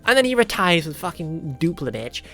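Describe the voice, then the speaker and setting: A woman streamer chatting casually about a show she loves, excitable and swearing constantly. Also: lowish voice, fairly quick, soft background music. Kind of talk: casual chat.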